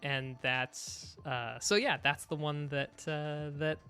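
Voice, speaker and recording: A man co-hosting a podcast, chatting casually and haltingly with frequent asides. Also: a little high, fairly even intonation, bright, forceful tone, faint music behind. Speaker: podcast co-host. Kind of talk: casual chat.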